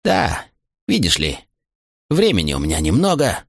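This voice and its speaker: A man's voice: low voice, huge pitch swings, moderate pace, husky, dry recording, studio quality, full character voice. A man voicing a cowardly traitor who wheedles, bargains and begs in a nervous voice. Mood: wheedling.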